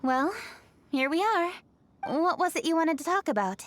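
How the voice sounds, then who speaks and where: A woman's voice: very high voice, animated, moderate pace. A woman voicing a poised, diligent young noblewoman official in an anime game, formal, composed and earnest. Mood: polite. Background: music.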